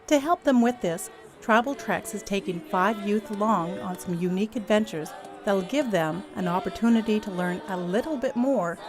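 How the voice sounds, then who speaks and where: A woman narrating a travel documentary in a measured, informative voice. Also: medium pitch. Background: music.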